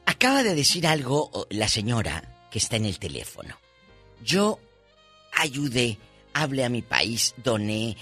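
Animated man hosting radio. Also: mid-range voice, measured pace, husky, faint music behind. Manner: animated, preachy advice to listeners. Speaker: radio co-host. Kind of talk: radio talk show chat.

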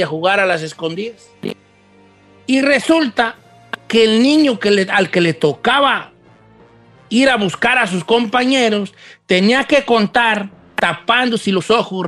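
A man with a fairly high voice narrates a spooky folk tale casually, dropping little asides to the listener as he goes. Faint music plays underneath him. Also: fairly bright tone. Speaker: storyteller.

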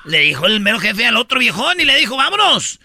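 A Mexican man hosting a comedy podcast, telling jokes in an animated, playful way and acting out the characters. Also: high-pitched, quick pace, no room sound. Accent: Mexican Spanish. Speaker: podcast host and joke teller.

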